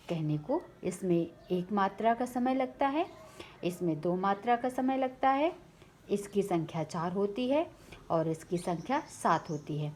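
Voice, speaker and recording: A woman teaching a Hindi grammar lesson, speaking slowly and deliberately, repeating each definition and lifting her voice on headings and questions. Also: a little mellow, slight background noise. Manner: lifts pitch on headings and questions. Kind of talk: slide-based grammar lesson.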